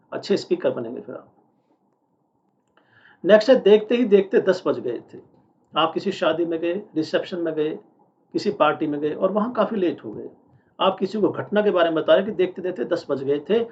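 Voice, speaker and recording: A man with an Indian accent teaching English in an online lesson, repeating example sentences slowly and with emphasis. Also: a little high, lively intonation, darkish tone, highs cut off.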